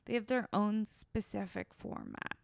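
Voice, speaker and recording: A woman podcast host with a Valley girl accent and vocal fry, chatting casually and teasingly in slangy, like-filled sentences. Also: mid-range voice, wildly swooping pitch, unhurried, dry recording. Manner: slangy, teasing, heavy use of "like". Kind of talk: casual comedic chat.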